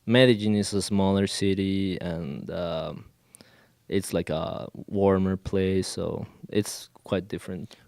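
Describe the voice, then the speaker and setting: Man, 20s, from Colombia, native Spanish speaker, interview guest, hesitant, lots of fillers, low smooth voice. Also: steady tone, takes it slowly, darkish tone, dry recording, studio quality. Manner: hesitant, many fillers and restarts. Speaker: guest, college student. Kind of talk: casual interview.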